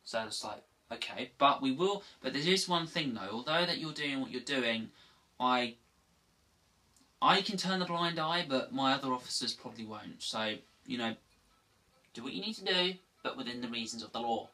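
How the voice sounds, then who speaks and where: Recapping a game's plot off the cuff, this gaming host rambles along, breaking off, restarting and tossing in asides at a normal speed. His voice is medium-pitched, expressive, bright and forceful. He's positioned some distance from the microphone, so he comes across a little far away.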